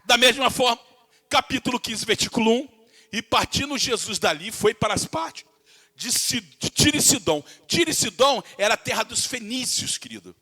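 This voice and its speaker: A man's voice: very high-pitched, animated, moderate pace, pushed and bright. A man preaching a sermon in Brazilian Portuguese. He talks with passion, calls his listeners dear, and acts out the people in the Bible story. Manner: impassioned preaching, calls listeners "querido", acts out voices from the text. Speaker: pastor.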